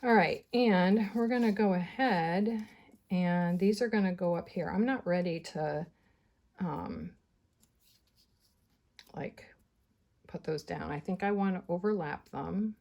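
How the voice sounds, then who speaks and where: A woman's voice: fairly low pitch, measured pace, darkish tone, muffled recording. A woman teaching scrapbooking in a casual, chatty tutorial, thinking aloud as she works and a little out of breath. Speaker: scrapbooking instructor.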